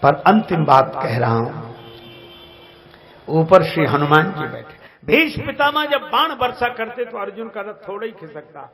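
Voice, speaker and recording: A man's voice: animated, measured pace, fairly bright tone. A man preaching a storytelling sermon, acting out the voices of the people in his stories, recorded live before an audience that laughs. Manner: acts out quoted characters with shifting voice and pitch. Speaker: Ram Katha preacher.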